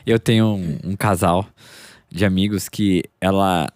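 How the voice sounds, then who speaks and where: A man's voice: low-pitched, fairly even intonation, measured pace, darkish tone, no room sound. A man hosting a casual podcast, easygoing and self-deprecating, who laughs along with his guest. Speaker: podcast host.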